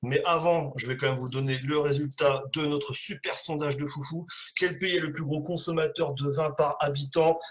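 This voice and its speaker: A man hosting a casual live web show, rambling and joking with frequent hesitations. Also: on the high side.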